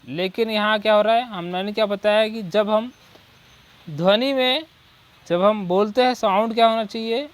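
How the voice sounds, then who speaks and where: Teaching English articles in a Hindi grammar lesson, a male coaching teacher with a high voice repeats rhetorical questions and "ठीक है" as drills. English example sentences are read out slowly.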